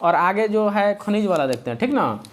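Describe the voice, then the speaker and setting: A man's voice: sits high, very animated, moderate pace. A male teacher with a Bhojpuri-tinged Hindi accent runs a classroom quiz drill. He fires short questions, checks in after each point, and uses playful memory tricks. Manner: call-and-response questioning, checks in with "right?" constantly.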